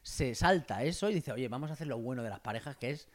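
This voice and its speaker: Catalan guy joking around on a podcast, pitch jumping all over, goofy wordplay. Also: animated, quick pace. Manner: jokey, wordplay, bursts into playful put-on voices. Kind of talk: casual comedic chat.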